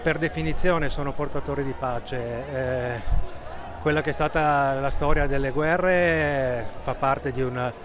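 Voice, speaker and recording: A man with a mid-pitched voice talks cheerfully in a street interview. He stops and restarts his sentences now and then. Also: unhurried. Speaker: member of the alpine troops association.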